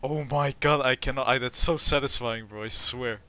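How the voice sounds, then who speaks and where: A man giving casual, slangy gameplay commentary, excitable and given to repeating his exclamations. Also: medium pitch, moderate pace. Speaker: gamer, video creator.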